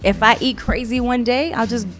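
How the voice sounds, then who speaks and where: A woman's voice: on the high side, steady tone, normal speed, soft background music. A woman in her thirties, chatting animatedly as a guest on a talk show. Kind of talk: casual chat.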